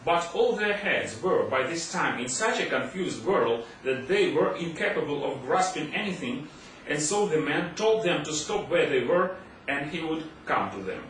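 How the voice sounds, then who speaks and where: A man's slightly high, fairly bright voice carries scripted audiobook narration of a funny classic tale. The mic is distant, the room is very echoey, and there's faint noise.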